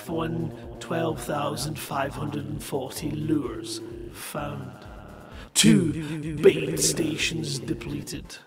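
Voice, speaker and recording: A man voicing a cold alien hive-mind computer through a grainy, scattering distortion, reading out a status log slowly and flatly. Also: fairly high pitch, reverberant. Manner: slow, flat log-readout delivery. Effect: grainy, scattering voice-of-doom distortion. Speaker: podcast host.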